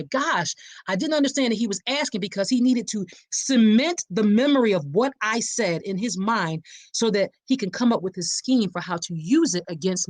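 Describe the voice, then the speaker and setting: A woman's voice: mid-range voice, no echo. A middle-aged woman from Philadelphia with a Philly accent, hosting a book discussion podcast and speaking emphatically, straight to her listeners. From Philadelphia, USA. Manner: animated, talks directly to listeners, emphatic. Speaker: podcast host.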